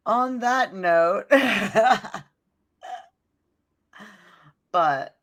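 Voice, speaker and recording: Speaking very slowly in a mid-range, slightly bright voice, this female podcast co-host chats casually and shares stories, filling her talk with "like."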